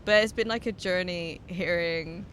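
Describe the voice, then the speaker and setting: A woman's voice: fairly low pitch, measured pace, fairly bright tone, slight background noise. A young woman streaming a game, chatting casually with viewers, laughing often, swearing and reading out their messages. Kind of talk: casual live-stream chat while gaming.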